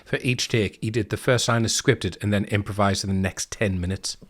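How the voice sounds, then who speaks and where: A man with a fairly low voice co-hosts a film podcast. He mostly adds short agreements and reads out production facts in a casual way. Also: steady tone, fairly quick. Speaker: podcast co-host.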